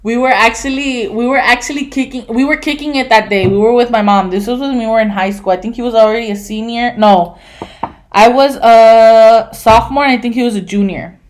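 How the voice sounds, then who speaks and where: A woman in her twenties telling stories on a casual podcast, animated, laughing and swearing, with lots of fillers. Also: fairly high pitch, brisk. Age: 20s. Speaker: podcast co-host. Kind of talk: casual storytelling chat.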